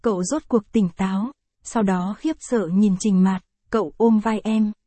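A woman narrating an audio novel in a steady, even storytelling manner. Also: medium pitch, a little slow, dry recording.

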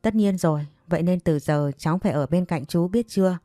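A woman's voice: on the low side, brisk, warm tone, no echo, clean studio sound, lightly acted. A woman voicing an older man who dotes on and bosses his young lover in a spoken story. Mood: possessive. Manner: tender, coaxing, bossy.

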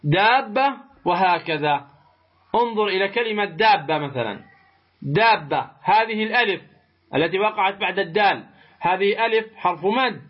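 A man teaching a tajweed lesson, explaining slowly and deliberately, pausing to pose rhetorical questions to his students. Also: high voice, animated. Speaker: Quran recitation teacher. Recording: muffled lo-fi recording.

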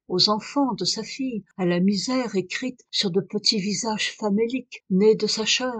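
A woman reading a literary novel aloud in a measured, expressive way. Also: medium pitch, breathy edge. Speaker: audiobook reader. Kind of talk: scripted literary narration.

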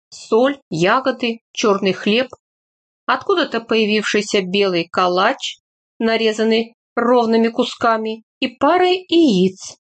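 A woman reads a story aloud in a calm, measured storytelling manner, taking her time with every phrase. Her voice sits a little higher than most women's. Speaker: audiobook narrator. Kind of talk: scripted narration.

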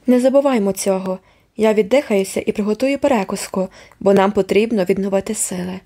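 A woman's voice: medium pitch, a little fast, mellow, natural voice. A woman reading the part of a stubborn older housekeeper, speaking firmly and emphatically in a storybook reading. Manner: firm, emphatic.

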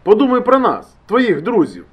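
Audiobook character: male reader doing a loud, pushy buddy shouting over a bad line, high and strained, husky. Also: wildly swooping pitch, a little fast, heavily acted. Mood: worried pleading. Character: agitated male friend shouting down a phone line.

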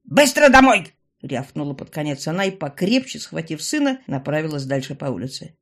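A woman narrating a first-person fantasy audiobook in a wry, expressive way. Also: low-pitched, a little fast.

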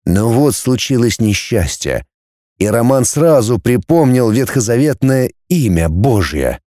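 A man reading a story aloud as an audiobook narrator, in an expressive storytelling manner. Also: mid-range voice, a little slow. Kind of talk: scripted narration.

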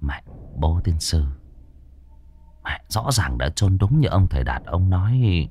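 A man's voice: sits low, takes it slowly, husky, voice pushed down, full character voice. A man voicing a hot-tempered, foul-mouthed young football fan in an audio story. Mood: grumbling. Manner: swearing, excitable.

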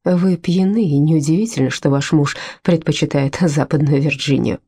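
A woman reading the lines of a calm, defiant young servant girl in an audiobook, speaking steadily and cuttingly. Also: sits low, moderate pace, husky. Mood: scornful.

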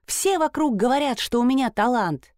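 A shrill, strained grown daughter, as a woman reader puts her on, pitched higher than the narration and pleading through clenched frustration. The voice is dry and close, with no room around it, as in a storybook reading. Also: expressive, normal speed, a little mellow, no echo, natural voice.

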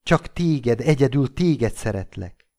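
A man's voice: medium pitch, animated, darkish tone, lightly acted. A man reading an audiobook, voicing a doting aging woman who pleads with her young lover. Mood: adoring. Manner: pleading, breathless devotion.

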